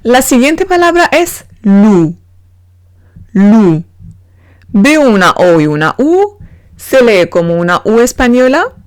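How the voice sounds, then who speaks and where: A woman's voice: a little high, big pitch swings, unhurried, no room sound, clean studio sound. A woman giving a beginner pronunciation lesson, patiently spelling out letters and sounds. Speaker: French teacher.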